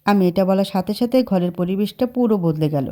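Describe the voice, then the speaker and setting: A woman narrating a first-person story with a steady, emotive reading. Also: mid-range voice, fairly quick.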